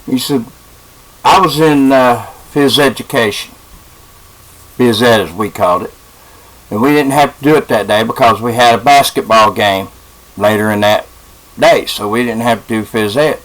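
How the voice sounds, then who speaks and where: Halting man telling a story. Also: mid-range voice, a bit bright, low-quality recording. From West Virginia. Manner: halting, with frequent uh fillers and restarts. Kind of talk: casual spoken storytelling. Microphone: webcam.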